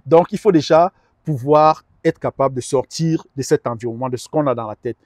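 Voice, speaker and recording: A man's voice: mid-range voice, brisk, darkish tone, dry recording, clean studio sound. A middle-aged man talking earnestly as a guest advisor in an interview, often repeating words while he searches for the next one. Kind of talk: conversational interview.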